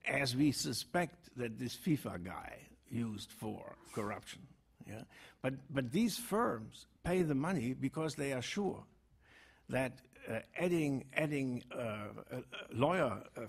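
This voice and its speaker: Man, husky voice, panel talk, halting with lots of fillers, dry asides. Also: mid-range voice.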